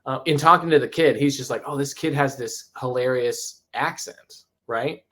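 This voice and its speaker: Podcast co-host, male, mid pitch, rambling storyteller, casual. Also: normal speed. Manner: rambling, animated storytelling with many restarts. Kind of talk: casual chat.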